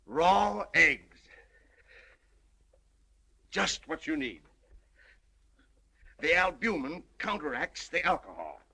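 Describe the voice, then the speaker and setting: An actor playing a crusty, wily old doctor in brisk, wry 1930s screwball comedy film banter. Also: male voice, a little high, very animated, gravelly, sharp tone, slightly rough, full character voice. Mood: wry, coaxing. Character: crusty, wily old small-town doctor, unbothered fraud.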